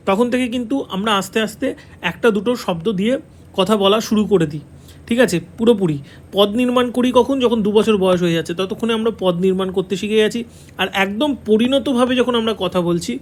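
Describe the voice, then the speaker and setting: A man's voice: high-pitched, a little hiss or hum. A man with a Bengali accent teaching an online exam-prep lesson, repeating the key answers and checking in with his students. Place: classroom with a board.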